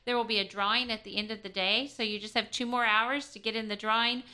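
A woman's voice: on the high side, fairly even intonation, quick pace, bright, forceful tone. A woman hosting a pledge drive interview, chatty as she sets up questions for her guest. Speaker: radio host.

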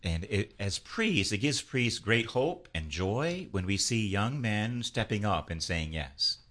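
A man's voice: fairly low pitch, very animated, unhurried, a bit bright. A man, a priest, hosting an interview, leading a prayer and speaking with fervent, preaching emphasis. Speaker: priest and host.

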